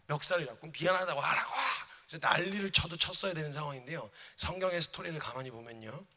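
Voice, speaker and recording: A man's voice: on the high side, pushed and bright. A man preaching a sermon as a missionary, emphatic and dramatic, addressing the congregation in a church. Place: church sanctuary. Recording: reverberant church hall.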